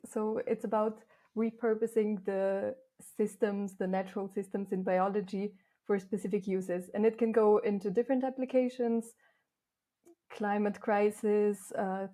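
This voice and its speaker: A young woman from Slovenia, a master's student and guest, explaining things calmly on a video call. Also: medium pitch. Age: young adult. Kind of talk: casual interview on a video call. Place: bright room with a window indoors.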